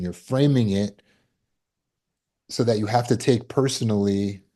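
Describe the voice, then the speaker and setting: A man gives a self-help talk as a trauma recovery coach, his voice pitched a little low. The tone is mellow and relaxed. He keeps it conversational and acts out little scenes and quotes as he talks.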